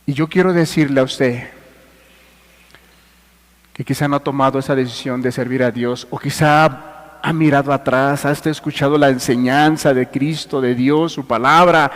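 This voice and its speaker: A man preaching a sermon as pastor, swinging between hushed and forceful delivery and addressing listeners directly. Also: medium pitch, steady tone, normal speed, long reverb tail. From Mexico. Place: church.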